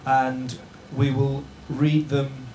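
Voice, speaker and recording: A man hosting a live show to an audience in a yurt venue, jokey and halting, with many restarts and fillers. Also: mid-range voice, flat delivery, warm tone. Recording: roomy tent echo, faint noise.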